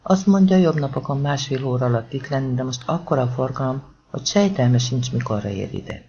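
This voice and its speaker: A man's voice: medium pitch, animated, mellow, lightly acted. An audiobook reader voicing an apologetic, sheepish male police sergeant. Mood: uneasy. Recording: dull lo-fi recording.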